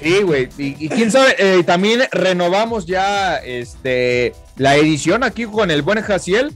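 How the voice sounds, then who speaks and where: A man's voice: sits high, lively intonation, measured pace, fairly bright tone, soft background music. A man with a Mexican accent, co-hosting a podcast in a laid-back way, with many fillers and short agreements. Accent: Mexican Spanish. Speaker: podcast co-host. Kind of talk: casual podcast chat.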